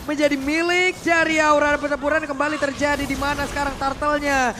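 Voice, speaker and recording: A man giving fast play-by-play esports commentary, excited and rising to shouts at big plays. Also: very high voice, background noise. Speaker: esports caster.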